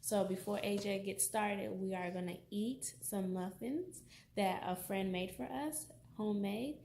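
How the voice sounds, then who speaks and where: Her voice is mid-range, a little slow, creaky, and somewhat mellow. This young mother is recorded outdoors in a park, casually vlogging and teaching her toddler basic things through sing-song prompts, with outdoor noise in the background.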